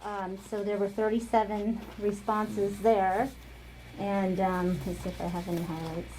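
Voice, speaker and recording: A woman on a village council presenting survey results at a meeting, speaking with frequent ums and pauses. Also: medium pitch, level tone, warm tone, poor audio. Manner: hesitant, many ums, light laughs. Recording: faint noise, online meeting audio.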